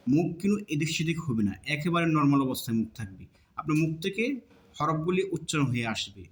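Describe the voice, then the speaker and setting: A man teaching pronunciation in a slow lesson. He repeats each sound in drawn-out drills to show how it should be said. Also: on the high side, expressive. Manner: demonstrates sounds by drawn-out repetition. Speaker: teacher of Arabic letter pronunciation. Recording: echoey room.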